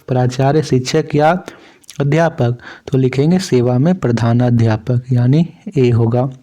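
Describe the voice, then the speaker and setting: A man teaching a class, going through model exam questions one by one. His delivery is slow and deliberate, and his voice has a mellow, relaxed tone. He poses each question, lists the options and answers it himself. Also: mid-range voice. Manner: reads a poem aloud, then asks quiz questions and answers them himself. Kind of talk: exam answer walkthrough lesson.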